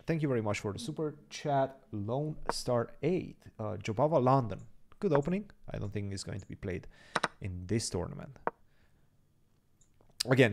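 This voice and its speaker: A young man calls a chess game live in a loose, chatty stream, thinking out loud as the moves come. His voice sits a little low and carries a gravelly fry at the ends of phrases. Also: slight background noise. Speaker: chess commentator.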